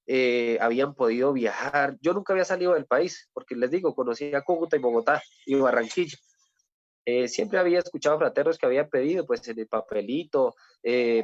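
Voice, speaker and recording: A Colombian man tells his faith testimony earnestly, checking in with his listeners and circling back over his words. His voice sits a bit high for a man. The recording is dry and somewhat dull, with little room sound. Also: no echo. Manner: earnest, with repeated rhetorical "¿sí?" and restarts. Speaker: testimony speaker.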